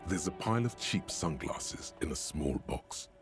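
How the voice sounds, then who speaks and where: A man playing a detective's brooding, sardonic inner voice, narrating a video game in a deliberate, dry, literary way. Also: low-pitched, animated, over music.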